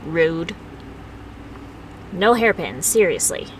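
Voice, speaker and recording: A woman giving casual, expressive gameplay commentary, playfully talking back to the game. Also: lowish voice, takes it slowly, recorded from a distance, a little hiss or hum, poor audio. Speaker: gamer reacting while playing.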